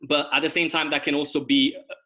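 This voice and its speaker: A young Romanian man with a slightly high voice speaks at a quick pace, bright and forceful, with fairly even intonation. As a guest on a casual video-call interview, he gives lengthy explanations and keeps asking "right?" and "okay?".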